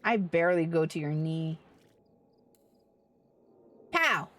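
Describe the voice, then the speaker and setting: Livestreaming an online game, a woman keeps up casual, playful, salty commentary, muttering to herself and tossing out foul-mouthed mock threats. Her voice is deep and a bit bright, and she speaks slowly.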